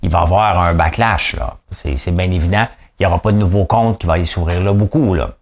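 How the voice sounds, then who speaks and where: A man's voice: deep voice, fast talker, a little hiss or hum. A man with a Québécois French accent hosting a podcast, giving opinionated news commentary full of rhetorical questions and acted-out quotes. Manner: rhetorical questions, folksy and emphatic; acts out quoted voices mid-rant. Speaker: podcast host.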